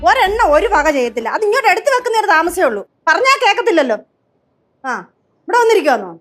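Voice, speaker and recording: An actress playing a scolding, sharp-tongued old grandmother in a TV sitcom. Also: extremely high pitch, very animated, fast, soft background music, exaggerated voice. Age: older. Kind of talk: TV sitcom acting.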